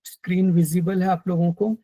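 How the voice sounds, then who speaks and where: A man teaching a yoga text in an online class, explaining slowly and patiently and drilling Sanskrit pronunciation. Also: high-pitched, level tone, warm tone, no echo, highs cut off. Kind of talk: online lecture.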